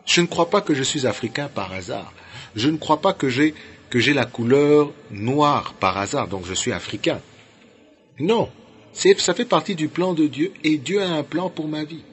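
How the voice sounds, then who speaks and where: A man's voice: expressive, moderate pace. Fervent male preacher from Congo. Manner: fervent, swings from loud outbursts to low, quiet endings. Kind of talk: sermon.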